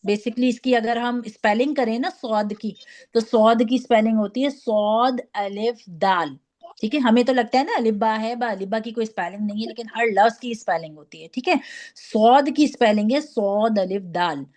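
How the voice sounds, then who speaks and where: A woman's voice: on the high side, a little mellow. Patient woman teaching recitation. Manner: patient, repeats sounds slowly for students to echo. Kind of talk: online tajweed lesson.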